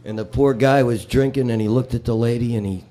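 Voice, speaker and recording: A man works through a live comedy set of groan-worthy bar jokes. Between punchlines he rambles and wisecracks to the room. His voice sits at an ordinary middle pitch for a man. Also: steady tone, brisk, warm tone. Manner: rambling, wisecracking stage patter. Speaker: comedy duo performer.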